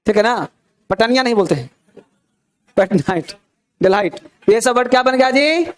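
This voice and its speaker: A high-pitched male teacher runs a classroom grammar lesson. He keeps stopping to ask whether the class has understood. He slips English example sentences into his explanation. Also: lively intonation, normal speed. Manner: asks frequent check questions.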